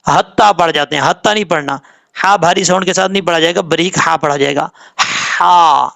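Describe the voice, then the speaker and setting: A man teaching Quran recitation. He spells out syllables slowly, explains quickly in between, and chants verses in a raised, drawn-out tone. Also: fairly high pitch, vocal fry, a bit bright. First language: Urdu. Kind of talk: Quran tajweed lesson.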